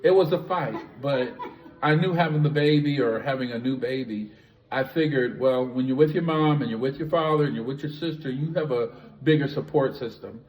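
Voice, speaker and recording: A man's voice: mid-range voice, fairly quick, muffled recording. American man in his fifties, plain mid voice, blunt rambling co-host, reverberant room. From United States. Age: 50s. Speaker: vlog co-host. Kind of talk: casual chat.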